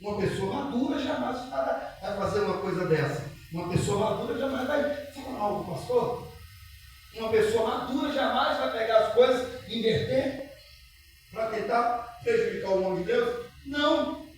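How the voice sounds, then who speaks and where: A man's voice: very high voice, normal speed, slight background noise. A man preaching as pastor, asking the congregation rhetorical questions and repeating his points. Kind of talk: sermon with retold dialogue. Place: church. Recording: echoey church recorded from a distance.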